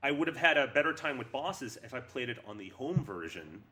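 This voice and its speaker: Man, bright voice, animated pitch swings, halting rambling chat, podcast co-host. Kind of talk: casual gaming podcast chat.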